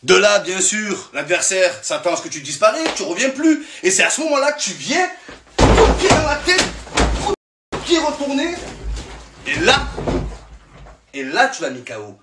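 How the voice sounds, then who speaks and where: A brash, overexcited self-defense instructor, as a man plays him, barking steps in a high, pushed voice. He sounds cocky and instructive. The room is echoey. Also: very animated, moderate pace, pauses often, noisy background.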